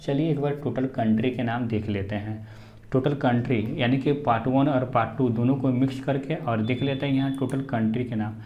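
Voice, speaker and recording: A man's voice: mid-range voice, steady tone, a little fast. A man teaching geography for exams, reciting country names in drills and urging viewers to repeat after him. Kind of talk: exam-prep map lesson. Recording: echoey room, dull lo-fi sound, faint background hum.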